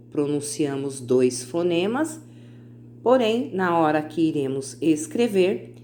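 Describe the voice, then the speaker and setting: Slow, patient woman teacher. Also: fairly low pitch, a little mellow, slight background noise. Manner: slow, stretched-out pronunciation of example words. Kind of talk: recorded video lesson for children.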